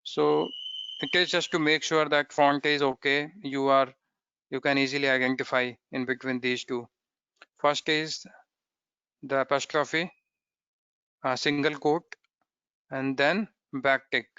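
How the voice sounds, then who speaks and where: A man's voice: medium pitch, little pitch movement, measured pace, long pauses, pushed and bright, clean tone, dry recording, lo-fi sound. A man teaching a coding tutorial step by step, often checking in with "okay?", in non-native English phrasing. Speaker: programming instructor. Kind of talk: screen-recorded coding tutorial.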